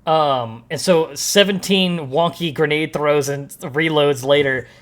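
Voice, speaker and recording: A man with a somewhat high voice chatting on a gaming podcast. He talks in a rambling, earnest way, with frequent ums, and reads out bits of in-game dialogue as he goes. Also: measured pace, a bit bright. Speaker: podcast co-host. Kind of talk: casual gaming podcast chat.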